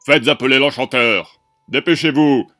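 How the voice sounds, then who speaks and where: A man voicing a hurried, commanding male king in a storytelling podcast. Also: fairly low pitch, sharp tone, no room sound, studio quality, soft background music.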